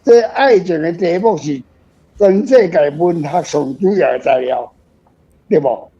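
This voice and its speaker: Heard through a dull lo-fi recording, this older radio-show guest, an author with a Taiwanese accent, muses casually and frankly about his book, wandering and poking fun at himself. He speaks unhurriedly in a high-leaning, expressive voice that is dark and slightly rough.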